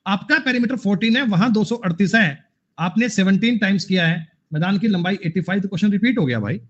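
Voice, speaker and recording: A man's voice: sits high, quick pace, fairly bright tone, dull audio. A man teaching an online math class, repeating points and scolding students in a teasing way. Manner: scolding, repetitive, addresses students as beta.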